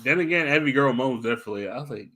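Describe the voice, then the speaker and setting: A man's voice: mid-range voice, lively intonation, racing, sharp tone. A man hosting a podcast in casual chat, rambling and repeating himself and swearing freely. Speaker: podcast host.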